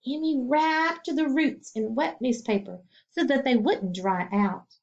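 A middle-aged teacher reads a children's picture book aloud in her home living room, slowly and expressively, pausing to ask listeners questions. Her voice sits high with vocal fry, recorded through a webcam screen capture with dull lo-fi audio.

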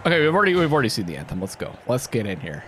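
A Canadian gaming channel host does let's play commentary on a hockey video game, talking rapid-fire in a mid-range voice. Excitable, he thinks aloud, laughing and yelping at the plays over game music and a noisy background.

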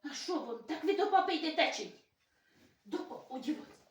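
Woman, high and sing-song, coaxing her dogs in baby talk; off-mic, echoey room. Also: animated, quick pace, far from the mic. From Ukraine. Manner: cooing baby talk to pets, playful and coaxing. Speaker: village vlogger. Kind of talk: casual home vlog, talking to her dogs. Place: indoors at a village home. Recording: roomy, from away from the mic.

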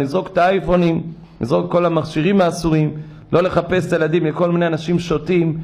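A man, a rabbi, giving a sermon in a synagogue, telling stories and voicing the people in them. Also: a little high. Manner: animated storytelling, acting out voices; rises to loud exhortation.

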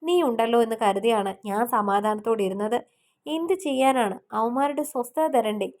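A woman's voice: fairly high pitch, steady tone, moderate pace, a little mellow, close to an everyday voice. Chatty busy young man, read by a woman. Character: talkative young man, busy organizer friend.

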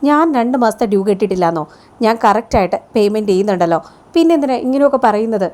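A woman's voice: mid-range voice, animated, rapid-fire, a little mellow, close to an everyday voice. A woman voicing an indignant young woman who answers sharply and scolds in a serial retelling.

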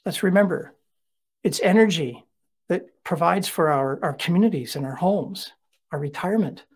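A middle-aged keynote speaker with a high, husky, slightly breathy voice delivers his talk at a normal speed. He tells stories in a lively, conversational manner, adding asides along the way.

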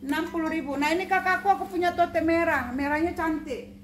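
Lady selling bags on a live stream, high voice, keeps saying the price again and sweet-talking viewers, echoey room. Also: brisk. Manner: chatty, repeats prices, coaxes viewers with endearments. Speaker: online seller of second-hand bags. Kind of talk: live-stream sales pitch. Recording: roomy echo, faint background noise.

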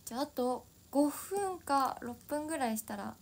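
A woman's voice: sits high, animated, moderate pace. A young woman idol, chatting casually and giggling as she answers viewer comments on a solo livestream. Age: young adult.

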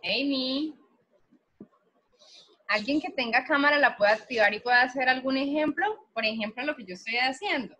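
A woman's voice: sits high, moderate pace, sharp tone, highs cut off. A woman English teacher with a Colombian Spanish accent, teaching an online class patiently, repeating and checking understanding.

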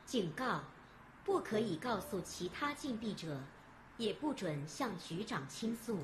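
A woman's voice: medium pitch, lively intonation, a little slow, noisy background, close to an everyday voice. A woman playing a devoted, literal-minded robot maid in a game, announcing things in a formal robotic manner. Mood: secretive. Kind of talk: game voice acting. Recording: game music behind.

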